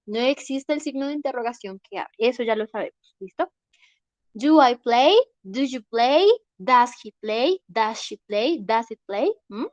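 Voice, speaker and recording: A woman leads an online English class, explaining grammar patiently and pausing to check that students follow. Her voice sits high, and the sound is dry and close. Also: no echo, highs cut off. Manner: patient, checks in often with "¿sí?" and "¿listo?". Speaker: English teacher.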